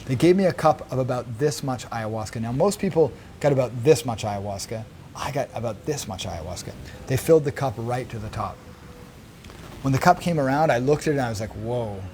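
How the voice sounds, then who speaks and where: A man's voice: mid-range voice, a little mellow, a little hiss or hum. A man earnestly telling a personal spiritual story, emphatic and repeating phrases for effect. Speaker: spiritual video creator.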